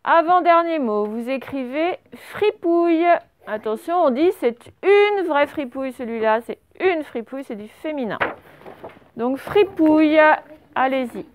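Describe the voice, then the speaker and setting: A primary school teacher with a high-pitched, animated voice teaches a dictation lesson to young children, unhurriedly spelling words out letter by letter in a patient, encouraging way.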